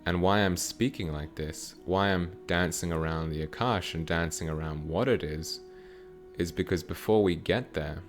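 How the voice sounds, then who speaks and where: A man giving a channeled spiritual teaching with guided meditation, speaking slowly in short, measured phrases. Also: deep voice, faint music behind.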